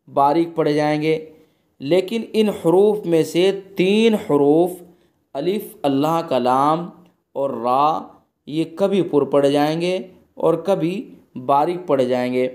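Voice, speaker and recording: A man teaching an online recitation lesson goes over each rule patiently and repeats it. His voice sits a little high, and its tone is mellow and dark. He slows right down to chant each example word. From India.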